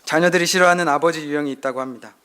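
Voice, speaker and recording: Male pastor preaching, lively storytelling. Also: fairly high pitch, racing, clear, resonant tone. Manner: acts out dialogue with his son, shifting loudness. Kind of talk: sermon with personal anecdotes.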